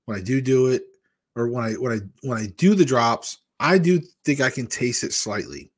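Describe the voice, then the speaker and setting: Originally from Michigan, this man in his fifties is a weight-loss vlogger chatting casually and candidly with livestream viewers, close to a large desk mic in front of a webcam in a small home room. His relaxed tone is mid-pitched at a moderate pace. He rambles from story to story and talks with his hands.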